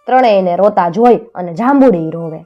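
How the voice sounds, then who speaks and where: A woman narrating a children's folk tale in a soft, unhurried way. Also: mid-range voice, animated, muffled recording, soft background music. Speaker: storyteller.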